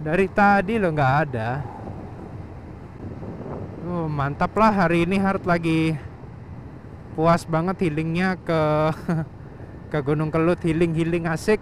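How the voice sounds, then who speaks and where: His fairly high voice moves slowly with long pauses, captured in a low-quality recording as he rides a motorbike down a village road. The man, a motovlogger from Surabaya, Indonesia, chats informally in slang and refers to himself by name, amid engine, wind, road noise and passing traffic.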